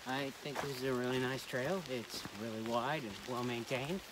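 A man on a hike, answering questions in a relaxed, slightly unsure way. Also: mid-range voice, normal speed, background noise. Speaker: hiking companion. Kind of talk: casual chat. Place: outdoors on a forest trail in rain. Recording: outdoor recording with loud rain. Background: heavy rain.

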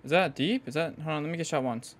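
A man's voice: a little high, quick pace. A young man giving casual gameplay commentary in slangy, sweary frat-bro talk. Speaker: gaming video host.

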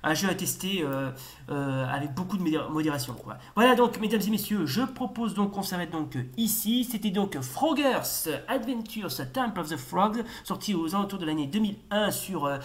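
A young man commentating a retro game as he plays, excitable and stammering, with sudden swearing outbursts. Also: high voice, moderate pace. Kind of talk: casual let's-play commentary.

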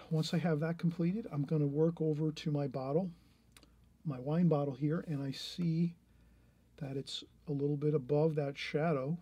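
Middle-aged guy walking you thru a painting, kinda husky, mellow, chatty and encouraging. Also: fairly high pitch. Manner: encouraging, rambling, many restarts. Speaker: art teacher. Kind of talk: painting tutorial, thinking aloud while drawing.

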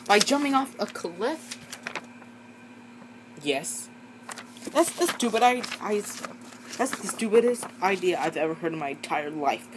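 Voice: mid-range voice, lively intonation, unhurried, long pauses, noisy background, natural voice. A young voice actor playing a mouthy, bickering object-show contestant in an amateur cartoon. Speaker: voice actor for many characters in a fan-made object show.

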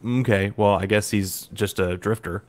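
A man's voice: fairly low pitch, steady tone, moderate pace, darkish tone. A man co-hosting a casual movie review chat, retelling scenes with his own acted-out thoughts and lots of fillers. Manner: many fillers, "right?" tags. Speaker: podcast co-host.

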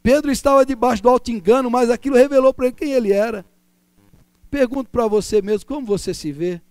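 A man preaching a sermon in a strikingly high voice. He delivers repetitive lists with fervor, swinging between raised cries and hushed low passages. The recording is close and dry, with no room sound. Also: fast talker, dry recording.

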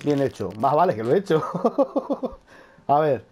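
A man giving casual, excitable gameplay commentary, laughing often and swearing casually. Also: fairly high pitch, a little slow, a little hiss or hum. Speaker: gaming youtuber.

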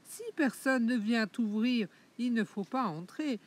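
A woman's voice: fairly high pitch, unhurried, pitched above the performer's own voice. A woman voicing an irritated mother bear in a children's storybook, scolding in a raised, cross voice.

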